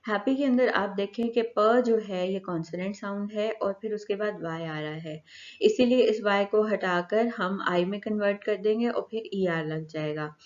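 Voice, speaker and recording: A woman teaching a grammar lecture over slides, explaining step by step and reading the English rules out slowly. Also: mid-range voice, darkish tone, lo-fi sound.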